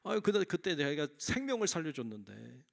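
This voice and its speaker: A small, brave sparrow from a spoken fable, pleading and coaxing in a slightly raised, gravelly voice, as a male preacher puts it on. The tone stays that of someone telling a story rather than full acting. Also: on the high side, very animated, brisk.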